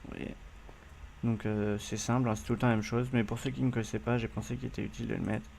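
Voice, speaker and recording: A man's voice: medium pitch, little pitch movement, fast talker, vocal fry, darkish tone, slight background noise. A man with a French accent hosting a game tutorial, speaking casually with many fillers and hesitations as he addresses viewers. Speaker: gaming tutorial host.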